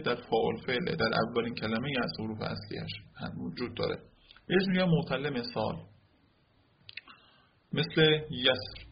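A man's voice: medium pitch, gravelly. A man teaching a classroom lecture, explaining step by step and often checking whether his listeners follow. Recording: lo-fi recording with faint noise.

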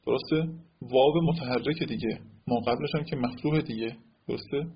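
A husky-voiced man teaches a grammar lesson at a medium pitch. He keeps checking in with rhetorical questions and draws out example words slowly. The recording sounds dull and lo-fi. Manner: asks the class rhetorical check questions like "right?"; repeats example words slowly, drawing them out. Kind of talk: Arabic morphology lesson.

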